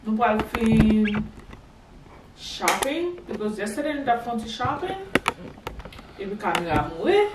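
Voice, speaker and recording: A woman's voice: fairly high pitch, very animated, measured pace, long pauses. A woman, vlogging in a chatty, playful way outdoors by a car and at a mall. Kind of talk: casual vlog chat. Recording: street and car noise behind.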